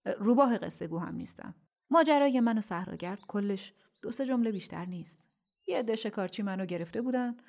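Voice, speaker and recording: A woman voicing a shy, plain-spoken sand fox in a children's audio story, speaking softly and hesitantly. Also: medium pitch, lively intonation, close to an everyday voice. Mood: awkward.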